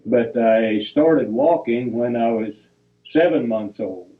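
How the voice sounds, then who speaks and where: Slow, halting older man on a tinny line. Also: medium pitch. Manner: halting, reads dates piece by piece, corrects himself. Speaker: family storyteller. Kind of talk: reminiscing narration over old family photos. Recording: tinny, phone-like recording.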